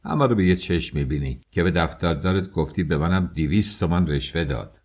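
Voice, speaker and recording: A man reading an audiobook, voicing a pompous, short-tempered man posing as an inspector, scolding in a low voice. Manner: haughty, scolding.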